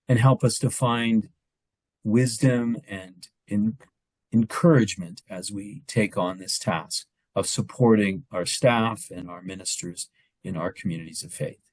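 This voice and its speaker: Slow, hesitant man on a dry video call. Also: on the low side, darkish tone, no room sound, low-quality recording. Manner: hesitant, many ums before the reading. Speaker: pastoral relations minister. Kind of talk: reading a poem and leading prayer.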